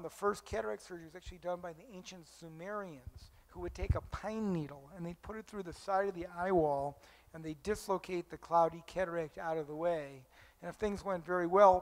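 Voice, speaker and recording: A man's voice: on the high side, in a large hall, low-quality recording. A middle-aged male eye surgeon giving a conference lecture, telling stories with frequent ums and uhs.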